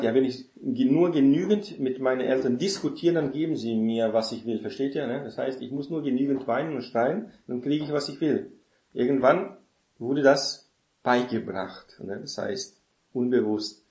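A man's voice: medium pitch, darkish tone. Man giving roomy, chatty advice talk. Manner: keeps adding the tag "ne?" and asking listeners if they follow. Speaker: speaker giving parenting advice. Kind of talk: informal advice talk to an audience. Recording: roomy echo.

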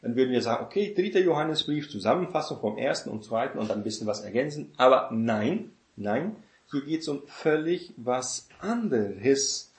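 Man, Bible teacher, conversational, repeats phrases, rhetorical questions, mid-pitched voice, roomy echo. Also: big pitch swings, normal speed. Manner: conversational, often adds "ne?" as a tag. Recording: echoey room.

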